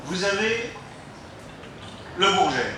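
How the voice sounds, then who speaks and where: A local politician speaks without a script about alliances between towns, explaining things to his listeners in a high, sing-song voice. He halts at times yet stays emphatic and instructive, asking rhetorical questions. A distant mic in a very reverberant room catches him along with faint noise.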